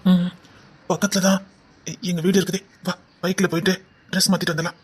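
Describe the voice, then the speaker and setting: A woman voicing a scheming young rich college man in an audio drama, who talks gently and soothingly to win a girl's trust. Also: on the low side, flat delivery, fairly quick, husky, voice pushed down. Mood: coaxing. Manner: soft, coaxing, falsely reassuring. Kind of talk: Tamil audio drama acting.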